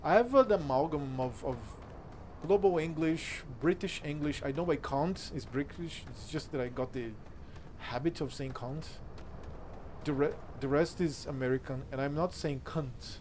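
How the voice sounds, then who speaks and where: A Brazilian gameplay streamer with a Brazilian Portuguese accent casually comments on the game he's playing and chats with viewers, muttering the game text under his breath and swearing freely. His voice is fairly high and a little mellow, at a moderate pace, with slight background noise.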